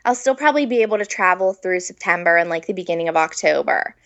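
A woman's voice: lowish voice, animated, quick pace, gravelly, a bit bright, lo-fi sound. A pregnant woman, a food blogger guest, chatting casually in an interview, giggling often and filling her speech with "like". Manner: chatty, giggly, lots of filler "like".

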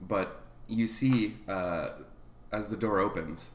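A man's voice: lowish voice, slow, a little hiss or hum. A man playing a tabletop game, describing a scene in a hesitant way with many fillers. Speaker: player. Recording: echoey room with faint music.

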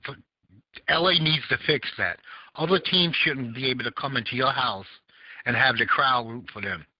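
A man's medium-pitched voice at normal speed, no echo, carries a Southern American accent as he hosts a casual call-in podcast. He rambles and fumbles for words, leaning on many fillers. The recording sounds dull and lo-fi.

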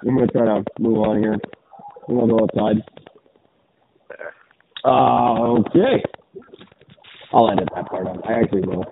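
A man's voice: lowish voice, moderate pace, gravelly, long pauses. Muffled man, like talking through a sweater. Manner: casual, blunt, swears freely. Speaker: podcast host. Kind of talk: casual chat. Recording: muffled phone-like line with loud background noise.

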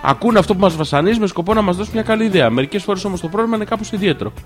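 A man in casual podcast banter, setting up scenarios and pressing his partner with questions. His voice is slightly high and swings lively in pitch. Faint music plays behind him. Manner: probing, sets up scenarios, laughs often. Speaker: podcast co-host.

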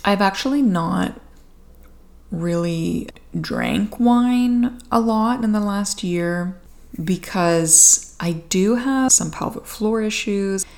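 A woman's voice: medium pitch, takes it slowly, gravelly, a little mellow. A young adult woman with a Canadian accent hosting a solo podcast, chatting casually in a rambling, informal, self-deprecating way. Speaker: podcast host. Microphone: podcast microphone with pop filter.

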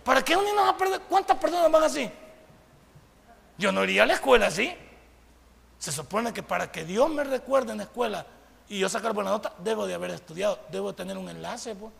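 Un pastor con acento centroamericano, de voz sorprendentemente aguda para un hombre y muy áspera y granulosa, predica con mucha animación. Lanza preguntas retóricas y representa diálogos. Su voz resuena con una reverberación larga, como en un salón grande. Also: male voice, high-pitched, brisk, gravelly. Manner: animated preaching, rhetorical questions, acts out dialogues. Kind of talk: sermon.

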